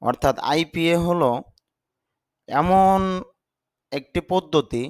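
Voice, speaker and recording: A man's voice: on the high side, takes it slowly, a little mellow, no echo. A man, a Bengali speaker, teaching English vocabulary in a patient step-by-step lesson and spelling words out sound by sound.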